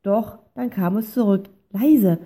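Female storybook narrator, warm dark tone, gentle delivery. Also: fairly low pitch, animated, a little slow, vocal fry. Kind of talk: reading a children's story aloud.

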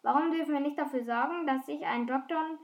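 A woman's voice: high voice, fast. A woman reading the part of an eager, earnest young girl in a storybook, asking insistent questions.

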